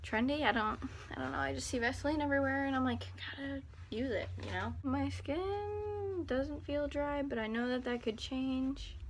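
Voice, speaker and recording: A teenage girl vlogger with a slightly high voice chats and rambles while she does her makeup, joking at her own expense. She records on a phone in a small bathroom, and a faint hiss sits under her voice. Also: steady tone, a little fast. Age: teens. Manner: rambling, self-deprecating and chatty. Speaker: beauty vlogger. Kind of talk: casual get-ready-with-me vlog. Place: home bathroom. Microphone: phone camera nearby.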